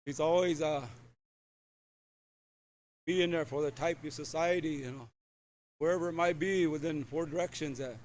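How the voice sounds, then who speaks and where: Halting middle-aged man speaking over event noise. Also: on the high side, darkish tone. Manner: halting, repetitive, with frequent "you know". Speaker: powwow speaker calling up honorees. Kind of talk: ceremonial thank-you speech. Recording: noisy live event with ambient sound.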